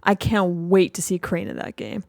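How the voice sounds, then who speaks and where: A woman's voice: on the low side, big pitch swings, normal speed, vocal fry, darkish tone, no room sound, studio quality. A woman giving casual, enthusiastic fan commentary as a video host reacting to game audio.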